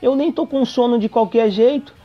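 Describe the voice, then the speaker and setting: A man voicing a sick, mild-mannered high school boy, reading his lines slowly. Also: soft background music. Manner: slow, read-out dialogue. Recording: dull lo-fi audio.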